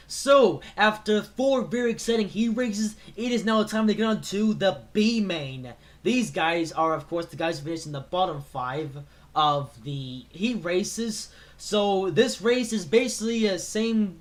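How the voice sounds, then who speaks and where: A man calling a race as commentator, excitable and tripping over names before correcting himself. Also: high-pitched, a little slow.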